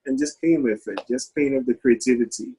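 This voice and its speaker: A man's voice: mid-range voice, a little fast, dark tone, husky, rough recording. A man from the Caribbean, a chef, talking eagerly on a video call panel, often restarting his phrases.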